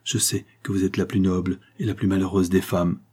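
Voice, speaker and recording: A man's voice: sits low, little pitch movement, brisk, dark tone, breathy edge. A man reading a fervent young marquis. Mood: fervent, tearful. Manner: emotional, fervent pleading. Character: young noble marquis, impassioned and tearful. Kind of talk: audiobook character reading.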